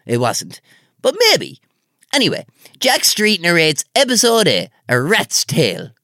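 Man acting an excitable Irish informant, squawky dummy voice. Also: high voice, a little slow, no echo, clean studio sound, full character voice. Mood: comic narrating. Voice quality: squawky ventriloquist-dummy voice when riled. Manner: rambling, colloquial, comic asides. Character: Jack Street, excitable cocky Irish informant narrating his story. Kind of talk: comic audio drama narration.

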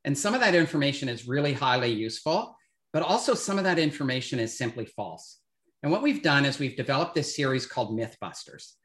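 A man's voice: mid-range voice, expressive, fairly bright tone. Man moderating an admissions webinar. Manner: measured, explanatory, filler-heavy.

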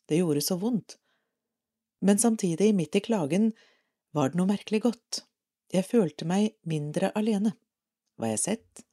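A Norwegian woman reading a devotional article aloud for an audio edition of a parish magazine, calm and measured. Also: low-pitched.

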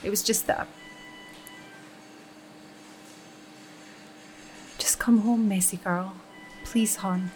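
A woman with a Scottish accent playing a fed-up, middle-aged nurse who swears freely and talks in a loud, carrying voice. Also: mid-range voice, natural voice. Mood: pleading. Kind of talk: audio drama monologue.

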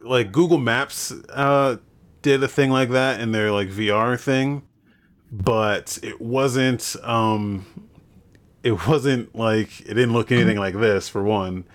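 A man's voice: mid-range voice, fairly even intonation, takes it slowly. A man co-hosting a gaming podcast, rambling in a laid-back way with casual swearing. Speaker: podcast co-host.

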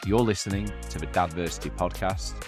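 Very deep-voiced male podcast host. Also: a little fast, music in the background. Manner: conversational, hesitant restarts. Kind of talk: podcast interview.

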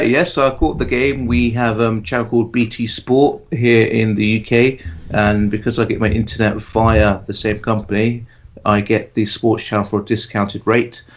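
Low, flat-voiced man in his thirties. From England. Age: 30s. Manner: relaxed, rambling with many fillers. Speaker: podcast co-host. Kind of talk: casual chat. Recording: dull lo-fi audio.

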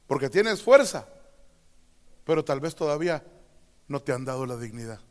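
A man preaching a sermon as a pastor, switching between quiet teaching and loud, drawn-out proclamations. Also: mid-range voice, sing-song. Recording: long hall reverb.

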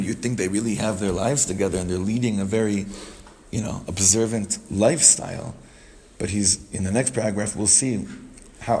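A man teaching a study class, reading Hebrew lines quickly and then translating them and asking his students questions. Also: mid-range voice, a little mellow. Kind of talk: animated text study with students. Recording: reverberant room with faint background noise.

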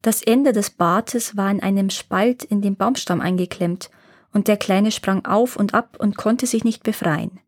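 A woman narrating a fairy tale in a calm, measured storybook reading. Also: mid-range voice, no echo, studio quality.

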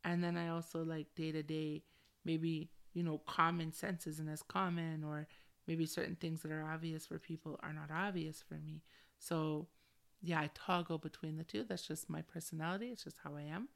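Deep and gravelly, this woman's voice holds a level tone at a moderate pace. She's a middle-aged podcast host going solo, speaking candidly in a chill, slangy manner and leaning on "like" the way a valley girl would.

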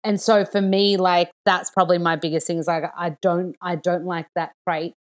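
A young woman talks on a podcast, sitting slightly low in pitch for a woman. She tells stories with animated enthusiasm and a casual, rushing energy. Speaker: actor and podcast guest. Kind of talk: casual chat.

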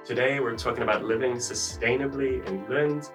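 A man's voice: medium pitch, moderate pace, music in the background, rough recording. A man hosting a university podcast in a studio, introducing the show and asking guests upbeat questions. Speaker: podcast host. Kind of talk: scripted podcast intro and interview.

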